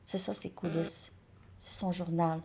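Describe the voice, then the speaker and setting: A woman's voice: on the low side, fairly even intonation, unhurried, creaky, heavy background noise. A woman, talking casually and thinking aloud with restarts and chuckles as she reads out advice.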